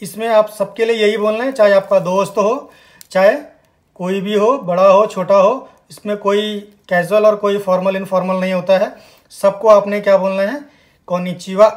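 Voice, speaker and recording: A man teaching a spoken language lesson, repeating words slowly and emphatically for learners to copy. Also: high-pitched, fairly even intonation. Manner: slow, emphatic repetition of words.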